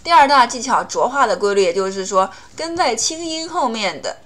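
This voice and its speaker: A woman teaching English pronunciation, explaining rules in Chinese and slowly repeating English example words. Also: a little high, animated, fairly bright tone. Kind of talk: language lesson.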